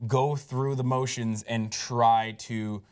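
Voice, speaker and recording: A man co-hosting a pop culture show, chatting casually and sounding animated and incredulous, with lots of "like"s. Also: mid-range voice, slow pace, clean tone. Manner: animated, incredulous, rambling with many "like"s. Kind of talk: casual panel chat.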